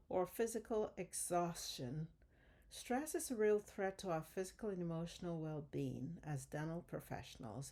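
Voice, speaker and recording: Middle-aged woman from ghana giving a scripted webinar, low mellow voice, measured and deliberate. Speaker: dentist and coach presenting a webinar.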